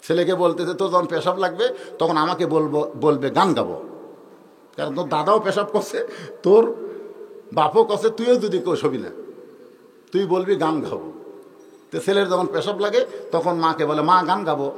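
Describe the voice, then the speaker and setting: Animated high-voiced man preaching a sermon. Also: a little fast, long pauses, a little hiss or hum. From Bangladesh. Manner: animated storytelling, acting out characters with swings of pitch and loudness; joking, draws laughs.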